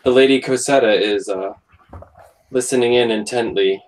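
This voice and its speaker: A man's voice: medium pitch, normal speed, poor audio. A man playing a tabletop game, dry and questioning. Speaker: player.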